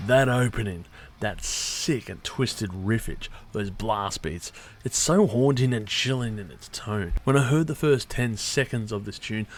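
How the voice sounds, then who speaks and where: A man's voice: fairly low pitch, a little slow, a little hiss or hum. A man delivering a scripted album review in a sarcastic, irreverent way with casual swearing. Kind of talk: scripted music review monologue.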